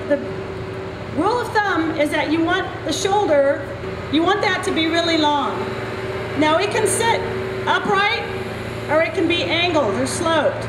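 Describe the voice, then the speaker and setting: An extremely high-pitched voice belongs to a middle-aged woman vet addressing an outdoor clinic crowd at a racetrack paddock through a handheld mic. She explains with emphatic, gesturing instruction, and the echoey sound includes background noise.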